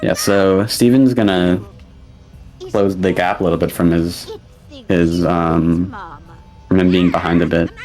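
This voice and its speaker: Young man, very low voice, casual speedrun commentary, faint game music behind. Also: fairly even intonation, measured pace, pauses often, a little mellow.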